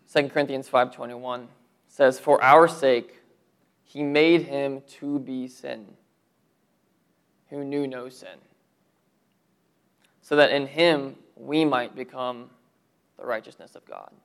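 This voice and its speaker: A man preaching a sermon to his church, earnest, with rhetorical questions and drops to a low voice for emphasis. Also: fairly even intonation, slow, pauses often, clean tone. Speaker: pastor.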